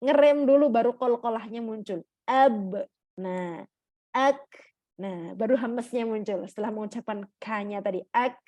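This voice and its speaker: A woman's voice: fairly high pitch, normal speed, mellow, dry recording. A woman with an Indonesian accent leads an online recitation class in a slightly raised voice. She explains patiently and sounds out each letter as an example. The recording is close and dry. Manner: patient explaining, keeps checking in with listeners, demonstrates sounds. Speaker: Quran recitation teacher.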